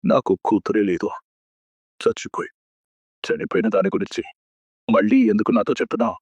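A man's voice: lively intonation, normal speed, a little mellow, slightly rough, dry recording. An actor playing a bitter, unforgiving father who coldly disowns his daughter over the phone in a TV serial. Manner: cold, bitter, low. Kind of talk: TV serial acting. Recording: dull lo-fi dry sound.

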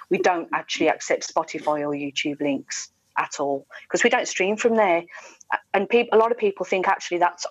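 A radio presenter in her forties with a British accent chats openly and emphatically in a video-call interview from home, adding mimicked asides. Her voice is fairly low in pitch, captured by a wired earphone headset. The recording is muffled, without echo.

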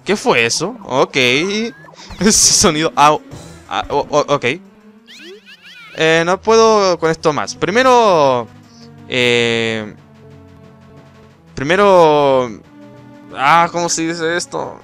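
A man giving casual, rambling gameplay commentary as a let's play host, with quick exclamations. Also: fairly high pitch, expressive, fairly bright tone, faint music behind.

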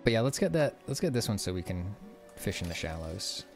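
A man casually commentating a video game, relaxed and swearing now and then while reading the game text aloud. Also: fairly low pitch, brisk, faint music behind. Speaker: let's play host.

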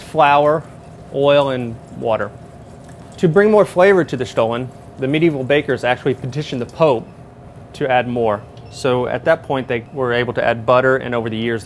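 Heard through a lapel mic with a little background noise, a thirty-something chef with a medium-pitched voice leads a cooking demonstration. He moves through each recipe one step at a time in a large professional kitchen, his instruction even and steady.

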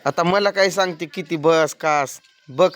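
A man talks in a nagging, exasperated way, scolding his family through a comic skit of village life. His voice sits a little higher than most men's. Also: unhurried, heavy background noise. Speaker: comic vlogger.

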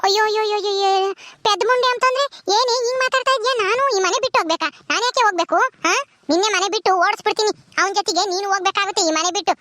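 A woman's voice: extremely high pitch, fairly even intonation, fast, a bit bright, no room sound. A woman voicing a scheming, greedy elder sister in a cartoon, talking with a mocking, scolding sneer. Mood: outraged.

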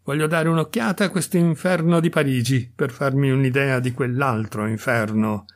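A man doing a booming old country priest. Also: close to an everyday voice. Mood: jovial. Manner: loud, jovial and booming, speaking slowly and deliberately. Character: hearty boisterous old male country priest, the narrator's uncle.

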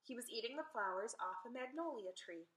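A woman reading a children's book aloud in an expressive, animated storytelling voice. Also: fairly high pitch, fairly quick, roomy sound, background noise. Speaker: reader.

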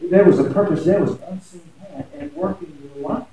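A man's voice: a little high, brisk, crowd noise. A man, a pastor, interviewing a guest in a chatty, joking way. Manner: folksy, chatty, jokes with guest. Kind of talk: casual interview. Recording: echoey, from far off, faint noise.

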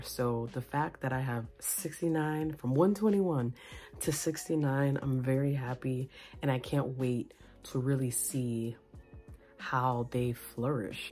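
Late at night in a small room at home, a tired young woman vlogs into a phone on a tripod, chatty and rambling. Her voice is very deep with a darkish tone.

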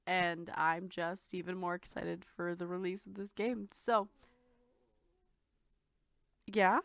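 A woman hosting a reaction video, talking casually and excitedly and swearing freely. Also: medium pitch, clean tone, no room sound, clean studio sound. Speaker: host.

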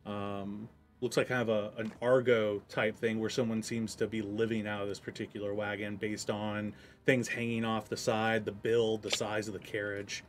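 A man narrating a tabletop game as game master, in a relaxed way with frequent ums. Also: on the low side, moderate pace, few pauses, slight background noise.

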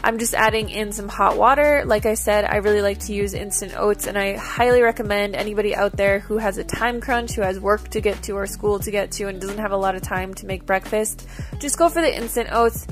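A woman's voice: mid-range voice, a little fast. A woman giving a chatty, upbeat voice-over for a cooking vlog, explaining each step in a casual way. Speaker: vlogger. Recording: music playing behind. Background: background music.

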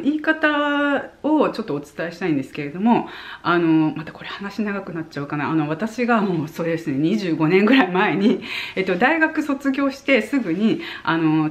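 A woman in her forties, from Japan, talks casually to her viewers with lots of gentle filler words. Her voice rises and falls widely, so she sounds animated as she acts out how tone changes what words mean. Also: fairly low pitch. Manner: chatty, with many soft fillers and friendly asides; animated, demonstrating points with voice tone. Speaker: vlogger. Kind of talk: casual advice talk to camera.

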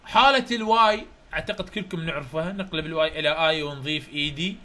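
Iraqi-accented male tutor, high, bright and sharp tone, reviews grammar through examples, quizzes his class often. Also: quick pace. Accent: Iraqi Arabic. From Iraq. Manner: explains through examples, often checks if students follow. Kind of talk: chapter review lecture.

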